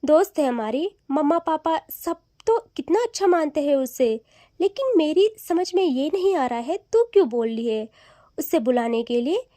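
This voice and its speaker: A woman's voice: high voice, expressive, normal speed, dark tone, dry recording, clean studio sound. A woman doing a bossy, teasing newlywed.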